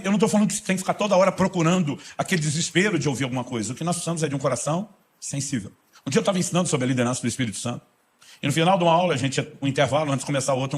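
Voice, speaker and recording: A middle-aged man preaching a sermon as a pastor, acting out dialogue with rising emphasis and a husky voice. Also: medium pitch.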